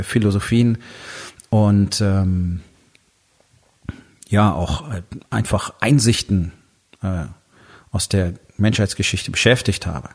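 Husky, blunt German-speaking man musing. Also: on the low side. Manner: blunt and conversational, with crude words and many fillers; acts out inner dialogue in quoted asides. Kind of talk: casual spoken monologue.

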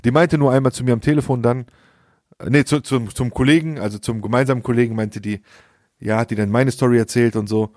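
A man's voice: mid-range voice, steady tone, fast, darkish tone, no room sound, studio quality. A young man telling a story in casual slangy chat, often laughing and acting out quoted lines. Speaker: podcast host.

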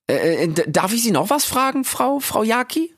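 A timid young male meerkat, put on by a man reading a storybook aloud. He stumbles and stammers over nearly every phrase in a squeaky, high voice. His pitch jumps around wildly, and the recording is close and dry. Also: sing-song, normal speed, fairly bright tone, no room sound, exaggerated voice. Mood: nervous. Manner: stammering, hesitant. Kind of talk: audiobook character voice.

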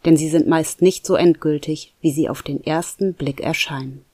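A narrator voicing a calm wise roommate. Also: medium pitch, moderate pace, lightly acted.

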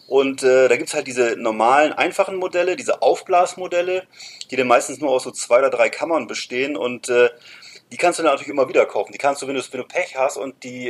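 A husky, slightly rough male voice at a middle pitch. He co-hosts a podcast in a chatty, explanatory way, speaking straight to his listeners. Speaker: podcast co-host. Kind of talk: casual podcast chat.

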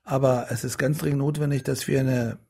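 Gravelly low-toned German-speaking man. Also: steady tone, fairly quick, darkish tone. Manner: rambling, many restarts and fillers. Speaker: politician guest. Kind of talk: casual interview talk.

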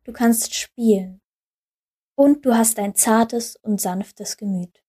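A woman reading as gentle, motherly Mrs. Claus. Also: fairly high pitch, slow, husky. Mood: tender. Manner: soft, earnest and tender.

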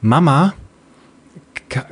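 A woman's voice: low voice, expressive, very slow, husky, voice pushed up, heavily acted. Man doing an eager stammering little girl freebie. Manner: childlike and stammering.

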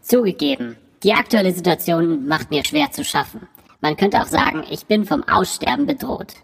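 A woman in a disguised deep voice, voicing an aging, boastful dinosaur who speaks the riddling clues of a quiz. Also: sing-song, normal speed, vocal fry, slightly rough, full character voice. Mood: wry. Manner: riddling, rhyming clue delivery. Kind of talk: scripted quiz clue recording. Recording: recording with long hall reverb.

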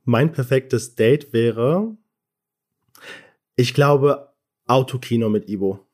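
A man in casual chat who gives slow, thoughtful answers. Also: mid-range voice, a little mellow.

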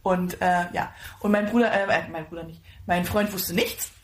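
A woman co-hosting a podcast, telling stories in an excitable, gushing way. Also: lowish voice, moderate pace. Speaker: podcast co-host. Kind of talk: casual chat. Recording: echoey room.

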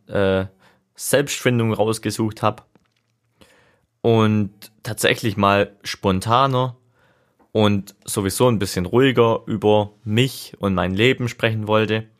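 A young man talking casually and reflectively on a solo podcast, thinking aloud in an informal, rambling way. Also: on the low side. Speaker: podcast host. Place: seated, leaning back in a chair.

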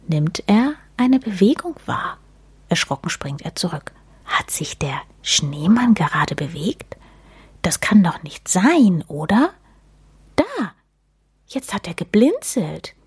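A woman reading a children's story aloud in a gentle, expressive storytelling manner. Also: fairly low pitch, breathy edge. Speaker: narrator.

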